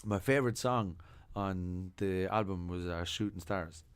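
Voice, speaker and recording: A man with an Irish accent, a podcast guest in casual chat, telling lively stories and quoting others with sudden bursts of energy. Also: low voice, a little slow, clear, resonant tone. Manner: animated storyteller, quotes others in lively bursts. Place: music studio.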